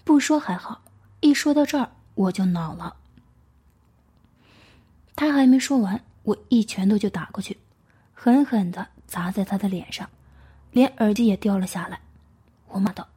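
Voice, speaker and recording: A woman reading a story aloud in a hushed voice, often dropping to a whisper. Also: mid-range voice, normal speed, long pauses, breathy edge.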